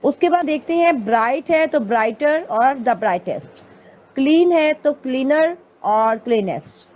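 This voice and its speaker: High-voiced woman teaching grammar. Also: animated, unhurried, a little mellow. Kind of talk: online class lecture.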